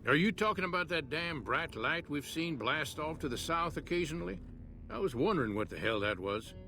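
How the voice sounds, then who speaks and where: An actor playing a gruff, grumpy old mechanic in a video game, folksy and sarcastic. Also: male voice, a little high, lively intonation, a little fast, pushed and bright, a little hiss or hum. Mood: irritated. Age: older. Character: gruff old man, grumbling settlement mechanic. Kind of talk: video game character dialogue.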